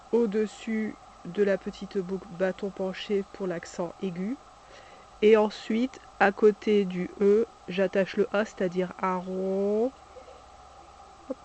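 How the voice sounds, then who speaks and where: A preschool teacher slowly demonstrating cursive letter by letter, patiently naming each stroke aloud. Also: mid-range voice, mellow, dull audio, slight background noise. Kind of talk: step-by-step handwriting demonstration.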